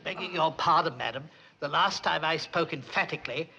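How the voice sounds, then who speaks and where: An actor playing a stiff, formal butler who speaks deferentially. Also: male voice, on the high side, brisk, vocal fry, bright, forceful tone, slight background noise, low-quality recording.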